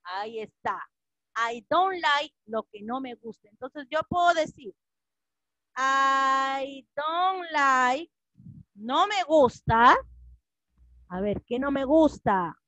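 A woman's voice: high voice, sing-song, slow, fairly bright tone, no room sound, dull audio. A woman teaching English to children, patiently repeating each phrase and translating it. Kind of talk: classroom lesson for children.

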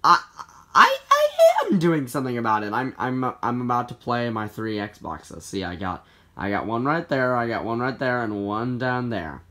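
A performer voicing a dim, excitable male animatronic bear in a homemade puppet skit, who keeps swinging between shouts and mumbles. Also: mid-range voice, moderate pace, pitched below the performer's own voice. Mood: goofy.

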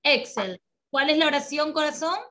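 A woman teaching English to children over a video call, encouraging and slow, switching between English and Spanish. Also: high-pitched, expressive, pushed and bright. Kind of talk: online children's class.

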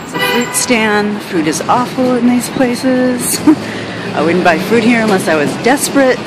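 A woman with a slightly high voice films herself on a handheld camera while walking a busy city sidewalk, vlogging a little slowly about what she passes and often laughing. Loud street traffic fills the recording.

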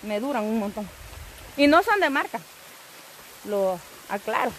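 A woman telling a rambling, animated story to her vlog audience while outdoors. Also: on the high side, unhurried, a little hiss or hum. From El Salvador. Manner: rambling, animated, self-teasing. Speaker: vlogger.

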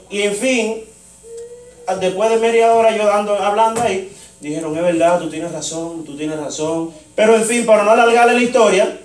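A man preaching a sermon, telling a story and acting out both sides of a conversation. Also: high voice. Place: church sanctuary. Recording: echoey church, mic far off.

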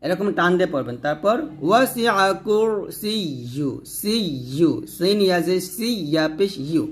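A man teaching Quran recitation, chanting verses slowly and melodically, then explaining pronunciation in quick speech. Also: sits high. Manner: slow drawn-out melodic recitation alternating with quick spoken explanations.

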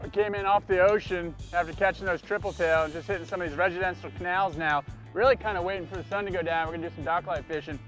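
A middle-aged man hosting a fishing show, chatting casually and getting excited from a small boat out in a canal. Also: sits high, fast talker, few pauses, soft background music. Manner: excitable, whoops when fish bite. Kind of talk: casual on-the-water chat.

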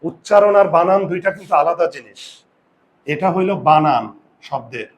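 A man teaches a class, firing questions at his students. He drags out sounds slowly to demonstrate them. His voice sits a little higher than most men's. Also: lively intonation, dull audio, slight background noise. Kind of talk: classroom lesson.

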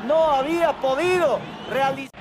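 A man giving breakneck, excited football goal commentary, shouting long goal calls and playing with words. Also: very high-pitched, moderate pace, heavy background noise. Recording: loud stadium crowd and music behind. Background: roaring football crowd, music.

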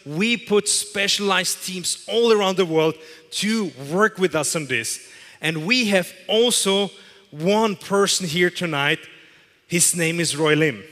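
A man with a bright, rather high voice delivers a corporate keynote on stage, speaking emphatically and repeating phrases for effect. He uses a headset mic in a large event hall with an audience, and the recording carries long hall reverb.

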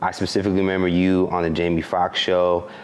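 Deep-voiced male interview host. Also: fast. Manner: relaxed, builds up questions with "like" and "um". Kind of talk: casual interview questions.

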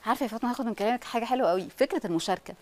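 A woman with an Egyptian Arabic accent speaking as a parenting specialist on a studio talk show, animated and acting out what parents say. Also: fairly high pitch, rapid-fire.

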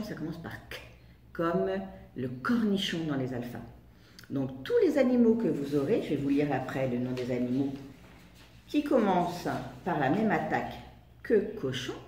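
A woman teacher giving a lesson to young children, talking slowly in a sing-song way and stretching out sounds. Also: sits low, darkish tone, reverberant, recorded from a distance, slight background noise.

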